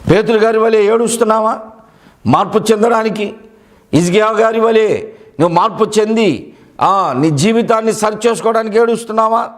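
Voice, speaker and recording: A male pastor delivers a sermon in a notably high voice. He is emphatic and repeats key phrases to drive them home. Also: moderate pace.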